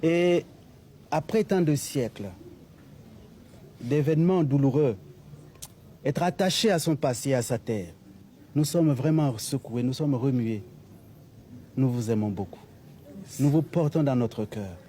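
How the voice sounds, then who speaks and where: A man's voice: medium pitch, unhurried, long pauses, warm tone, slight background noise. A man from Congo giving a solemn, emotional formal address.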